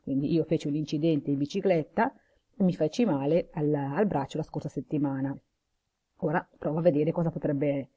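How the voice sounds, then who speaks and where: A woman with an Italian accent teaching English in a video lesson, saying English phrases slowly and carefully and explaining them. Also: low-pitched, mellow, slightly rough, dull audio.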